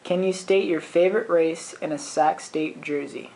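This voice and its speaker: A woman with a notably deep voice asks short interview questions in a plain, direct way. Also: steady tone, moderate pace, darkish tone, rough recording.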